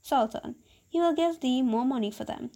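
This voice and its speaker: A woman voicing a powerful male genie in a storybook reading, speaking in slow, archaic, solemn phrases. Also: sits high, dark tone. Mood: commanding. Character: male genie, powerful, pleading then commanding.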